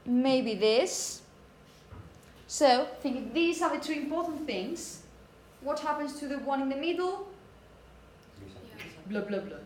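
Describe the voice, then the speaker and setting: Speaking slowly with long pauses, a woman phonetics teacher uses a high, animated, somewhat dark voice to explain and emphasize example words for her students, checking in with them frequently. It's recorded indoors in a classroom with echo and background noise.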